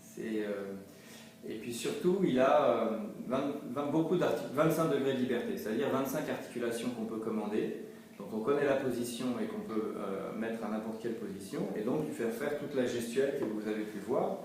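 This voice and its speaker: In a very echoey room with faint noise and a far-off mic, a company representative gives an explanatory interview. His medium-pitched voice is a bit mellow and moderately paced, and he repeats words hesitantly as he searches for what to say.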